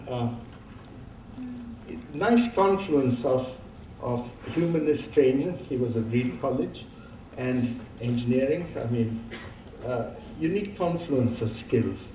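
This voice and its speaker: A man, giving a conference keynote in a halting, reminiscing way with many fillers. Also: mid-range voice, mellow, a little hiss or hum. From India. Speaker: keynote speaker. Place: large dark auditorium stage. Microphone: lectern microphone, heard from far off. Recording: roomy hall sound from a distant camera.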